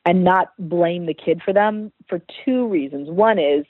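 A woman's voice: fairly low pitch, unhurried, dry recording. A woman who is a social worker, a guest in a conversational interview, talking candidly with self-deprecating examples. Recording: tinny phone-line sound.

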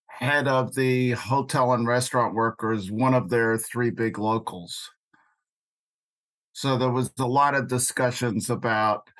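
Older man, Queens New York accent, medium pitch, slow and halting delivery, frequent pauses, unscripted interview answers. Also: fairly bright tone, no room sound, low-quality recording. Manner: halting, pausing often mid-sentence. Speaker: interview guest, labor activist.

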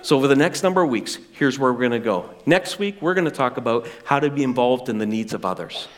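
A middle-aged male pastor preaching a sermon with animated, self-deprecating humor. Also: mid-range voice, fast.

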